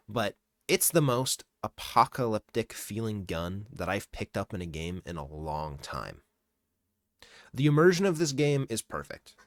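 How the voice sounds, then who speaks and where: A man's voice: lowish voice, dry recording, clean studio sound. A man giving casual, enthusiastic game review commentary, swearing now and then. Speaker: gaming commentator. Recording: voice-over with clear background music.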